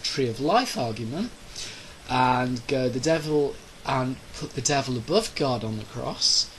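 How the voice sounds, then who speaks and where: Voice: mid-range voice, expressive, unhurried, slight background noise, poor audio. A person delivering a rambling, opinionated monologue in a theatrical, declamatory way, drawing out phrases for emphasis. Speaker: solo speaker of a rant video.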